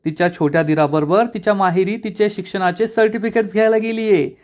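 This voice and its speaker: A man's voice: sits high, fast, lightly acted. A man voicing a grumpy, short-tempered older village man who answers with angry, mocking retorts. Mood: irritated.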